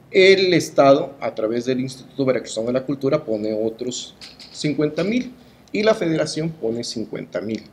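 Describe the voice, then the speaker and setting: A middle-aged man with a Mexican accent speaks at a medium pitch. He talks as an interviewee with firm opinions, pressing his points with rhetorical questions and short tags that seek agreement. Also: sing-song, unhurried, slight background noise. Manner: emphatic, rhetorical, ends phrases with tag questions. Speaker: cultural promoter and artist being interviewed.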